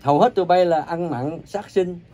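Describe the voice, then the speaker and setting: A man preaching an angry, ranting sermon, cursing and scolding his listeners with coarse insults, his volume swinging from loud bursts to low mutters. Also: normal speed, soft background music. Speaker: self-proclaimed religious preacher.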